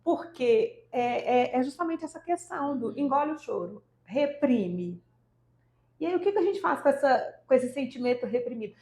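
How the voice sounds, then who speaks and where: A woman's voice: high-pitched, lively intonation, normal speed, a little mellow. A woman, a mother chatting casually on a podcast and telling family anecdotes. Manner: chatty, tells family anecdotes, acts out quotes. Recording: echoey room.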